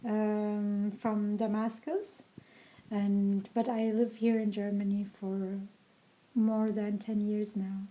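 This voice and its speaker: A woman's voice: medium pitch, little pitch movement, slow, warm tone. A woman in her twenties from Syria, co-hosting a casual podcast chat and laughing often. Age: 20s. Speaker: podcast co-host.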